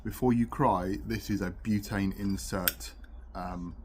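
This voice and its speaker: A man's voice: on the low side, fairly even intonation, a little slow. A British man gives a casual review to camera, talking between puffs with a pipe in his mouth, recorded on a camera's own microphone. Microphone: built-in camera microphone. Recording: noisy camera audio without separate microphone.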